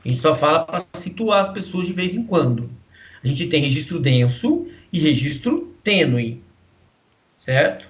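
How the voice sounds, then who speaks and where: A man with a Brazilian Portuguese accent gives a patient voice lesson, his voice sitting a little high. He keeps checking that his listener is following and demonstrates different vocal registers. The mic is set back and the sound is dull and muffled. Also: big pitch swings, measured pace, far from the mic. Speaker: singing teacher. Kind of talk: explanatory voice lesson.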